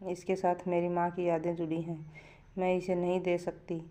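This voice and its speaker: A young daughter-in-law in a family storybook tale who has had enough and refuses firmly, as a woman storyteller plays her. She speaks in a flat, dark, steady voice. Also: on the low side, normal speed, lightly acted. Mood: defiant. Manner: firm, resolute refusal. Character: defiant young daughter-in-law, long patient, now standing firm.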